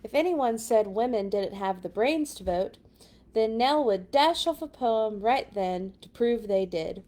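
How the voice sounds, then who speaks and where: A woman tells stories to children as a read-along storyteller, reading a picture book with dramatic emphasis and chatty asides. Her fairly high voice is warm and animated, never hurried.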